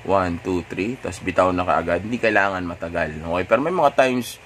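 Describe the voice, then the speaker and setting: A man with a Filipino accent, a dating coach, talking through tips in a casual, conversational way, often checking in with "okay?" and pausing on fillers. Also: low-pitched, animated, a bit bright, a little hiss or hum. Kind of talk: casual instructional talk.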